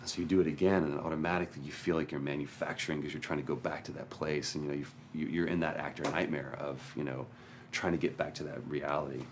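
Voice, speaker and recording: A man's voice: rumbling low, steady tone, quick pace, noisy background. A male actor in an interview, candidly and reflectively recounting a hard experience. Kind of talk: interview storytelling.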